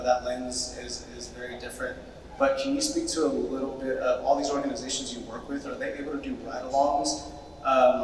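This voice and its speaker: Male audience questioner, halting delivery, mid-range voice, far from mic in a reverberant hall. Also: medium pitch. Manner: hesitant, halting. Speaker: audience member asking a question. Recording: very echoey hall, distant, faint noise.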